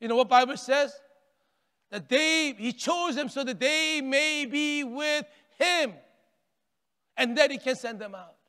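High-voiced older pastor preaching in a hall. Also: male voice, a little slow. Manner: animated preaching with wide arm gestures, rising and falling intensity; repeats and restarts phrases, drops to near-hush on key words. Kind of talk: sermon. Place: large church sanctuary, stage with pulpit. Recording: long reverb of a church hall.

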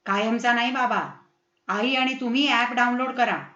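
A woman's voice: on the high side, normal speed, bright, forceful tone, echoey room, lo-fi sound. A woman voicing an eager, insistent young man who is teaching his parents, in a read-aloud story.

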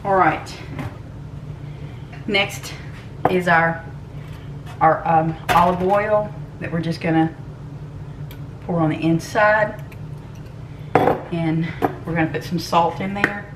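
A woman's voice: on the low side, steady tone, slow pace, pauses often. An older woman, chatting homily as she walks through a recipe in her home kitchen. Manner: homey, chatty, with soft laughs and fillers. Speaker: home cooking channel host. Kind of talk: casual cooking demonstration. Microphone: camera mic across the kitchen. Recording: distant camera mic with background noise.

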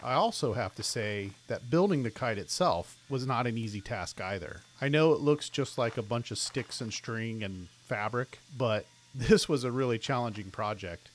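A man hosting a woodworking vlog, narrating in a thoughtful, even-paced casual voice-over. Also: medium pitch, slight background noise. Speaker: woodworking channel host. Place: outdoors in an open park.

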